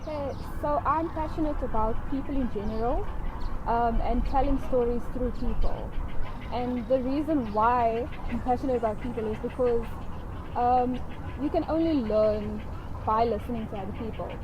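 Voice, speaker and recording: A woman's voice: fairly high pitch, normal speed, noisy background. A South African woman in her twenties, a journalist, speaking reflectively and with heartfelt feeling about listening to people. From Eldorado Park, South Africa. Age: 20s. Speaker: journalist sharing her story. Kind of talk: personal testimony to camera.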